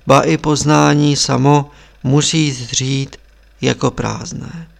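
A man's voice: mid-range voice, fairly even intonation, creaky. A man reading as a grave old abbot teacher. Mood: solemn. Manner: measured, grave and instructive. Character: old stern male Buddhist abbot, calm and wise. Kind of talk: audiobook reading.

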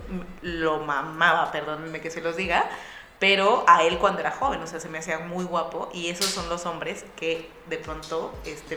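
A young woman with a Mexican Spanish accent, telling a lively anecdote to friends and acting out the voices of the people in it. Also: sits low, roomy sound, a little hiss or hum. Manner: lively storyteller acting out voices with bursts of laughter.

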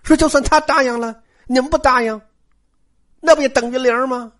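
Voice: mid-range voice, very animated, normal speed, pitched above the performer's own voice. A storyteller voicing an indignant middle-aged servant woman who complains sarcastically. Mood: sneering. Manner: whining, sarcastic.

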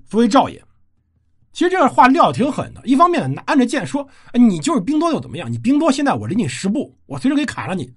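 A history podcast host retelling an ancient tale in a lively, conversational way with colloquial asides, on a close microphone. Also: mid-range voice, slightly rough. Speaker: history storyteller. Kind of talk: casual history storytelling podcast.

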